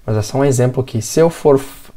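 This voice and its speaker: A young man leads an online lesson with a warm, mellow voice. He explains step by step, dropping frequent tag questions and fillers as he goes. His pitch sits in the middle of the range. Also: brisk. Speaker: English teacher.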